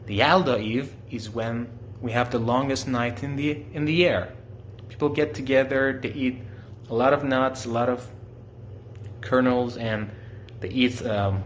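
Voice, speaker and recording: Speaking to children, a young man from Iran describes Iranian culture simply and warmly, pausing to ask the listener questions. He has a medium-pitched voice and a Farsi speaker's Iranian accent, and the recording carries a slight hiss or hum.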